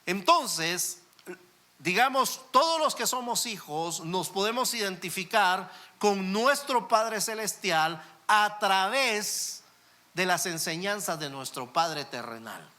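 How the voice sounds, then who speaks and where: A man's voice: sits high, animated, takes it slowly, bright, forceful tone. A male pastor preaching a sermon in a conversational way, speaking straight to listeners and asking rhetorical questions.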